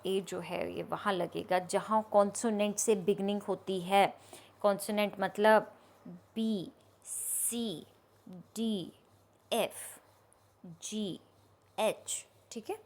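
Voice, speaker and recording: A woman teacher, explaining grammar slowly and often checking that her students understand. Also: medium pitch. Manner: explains slowly, asks the class if they understood. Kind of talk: grammar lesson.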